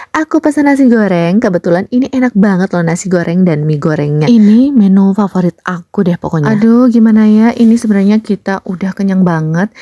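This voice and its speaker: Chatty mum vlogger with a mellow voice. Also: female voice, mid-range voice, dry recording, studio quality. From Indonesia. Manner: chatty, playful, talks to fellow mothers. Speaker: vlogger and homemaker. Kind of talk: casual vlog voice-over.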